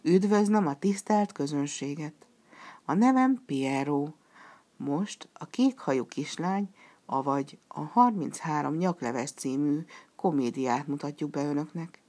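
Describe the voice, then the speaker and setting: A sorrowful, soft-hearted male clown , as a woman reader puts him on speaks in a plaintive, low voice. His lines come out mournful and resigned. He is a storybook figure from a puppet theater. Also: animated. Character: sad, gentle male clown.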